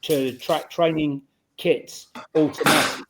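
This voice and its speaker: Man chatting in a fairly high voice. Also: steady tone, takes it slowly, very noisy. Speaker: football fan show panellist. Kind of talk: casual chat.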